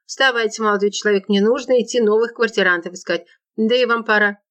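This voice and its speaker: A woman's voice: on the high side, fairly even intonation, quick pace, fairly bright tone, close to an everyday voice. A woman voicing a timid, fussy old male landlord in an audiobook, mild and grumbling. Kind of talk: audiobook narration.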